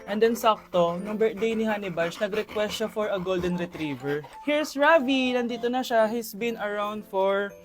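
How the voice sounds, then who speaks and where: Young Filipina vlogger, casual chatty narration, faint music bed. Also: female voice, mid-range voice, moderate pace, hardly any pauses. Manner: chatty, switches into English, coos at her dog.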